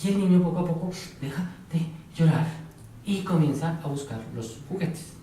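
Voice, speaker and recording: A man's voice: fairly high pitch, normal speed, mellow. A man gives a psychology lecture to a class, asking questions and going through examples one step at a time. He sounds far from the mic, and the room rings with heavy echo. A faint hiss sits under the voice. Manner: asks the class questions and repeats their answers; tells examples step by step, now and then playing a teacher or patient.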